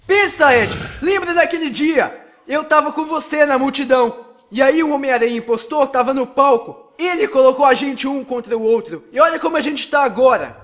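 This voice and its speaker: A man's voice: very high voice, normal speed, fairly bright tone. A man voicing an exasperated, earnest young superhero in a fan-dubbed video game, with urgent, emotional delivery. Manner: urgent, emotional pleading and challenging. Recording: echoey voice over clear game music.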